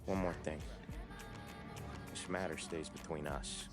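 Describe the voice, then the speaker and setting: An actor playing a calm, guarded mob henchman in video game dialogue, speaking in a measured, businesslike way. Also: a bass voice, over music.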